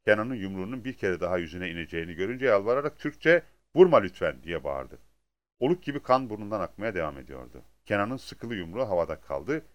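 Expressive male audiobook narrator. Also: low-pitched, fast. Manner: dramatic, expressive reading. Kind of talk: scripted narration of a crime novel.

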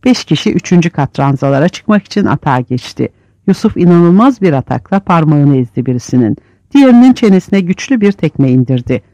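A man narrating an audiobook with vivid, expressive reading. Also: fairly high pitch, a little fast, no room sound, muffled recording. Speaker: audiobook reader.

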